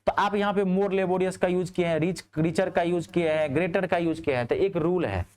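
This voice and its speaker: A man teaches a grammar class aloud, speaking fairly quickly in a clear, resonant voice. He poses checking questions to his students and answers them himself, his lively delivery rising on each question and dropping low on each answer.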